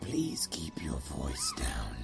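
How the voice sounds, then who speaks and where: Very deep, gravelly shushing whisperer. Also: male voice, huge pitch swings, takes it slowly, faint music behind, heavily acted. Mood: hushed, admonishing. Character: male librarian-like game character shushing people for quiet. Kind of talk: video game character dialogue.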